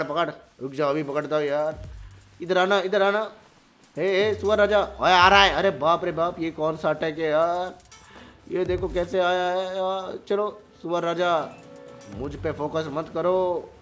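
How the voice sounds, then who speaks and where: Excitable man doing gameplay commentary. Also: fairly high pitch. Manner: excitable, exclaiming and joking. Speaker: gamer.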